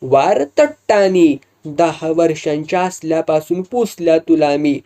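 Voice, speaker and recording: A man's voice: fairly high pitch, expressive, measured pace, dark tone. A man voicing an angry, betrayed male folk troupe leader who talks bitterly. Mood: furious. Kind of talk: storytelling with acted dialogue.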